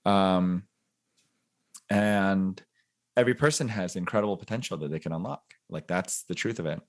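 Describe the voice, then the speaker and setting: A man in his forties, a podcast guest, talking in a relaxed, reflective way with many fillers and self-mocking laughs. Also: low voice, moderate pace. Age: 40s. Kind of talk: casual interview conversation.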